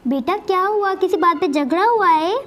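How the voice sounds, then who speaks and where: A woman voicing a caring mother-in-law who gently soothes and asks what is wrong. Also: extremely high pitch, normal speed. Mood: concerned. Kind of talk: game role-play voicing.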